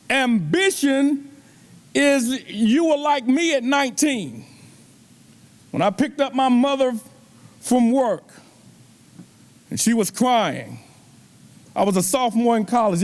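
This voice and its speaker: Middle-aged male motivational speaker with a very high voice and a slow, deliberate, sermon-like delivery at a banquet. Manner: preacherly, repeatedly addresses the audience with rhetorical questions. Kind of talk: motivational keynote speech. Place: banquet event.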